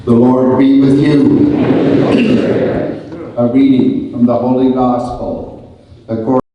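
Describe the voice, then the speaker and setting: A man, a priest, reading the gospel and preaching a homily at Mass in a slow, measured way, his voice carried in cathedral echo. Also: mid-range voice, little pitch movement, a little hiss or hum. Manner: slow, measured delivery with repeated phrases. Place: large church. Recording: dull, distant, echoing church hall.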